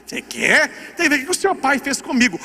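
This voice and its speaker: A man's voice: very high voice, huge pitch swings, fast, vocal fry, sharp tone, husky, full character voice. A man voicing a hurt wife who baked a cake for her husband, recorded in an echoey hall. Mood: bitter.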